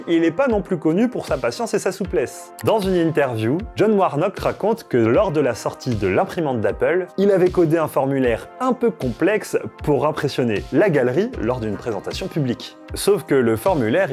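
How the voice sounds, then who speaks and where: A man's voice: on the high side, a little mellow. Playful French tech explainer man. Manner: playful, jokey asides to viewers. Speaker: host of a tech channel. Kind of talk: scripted explainer narration.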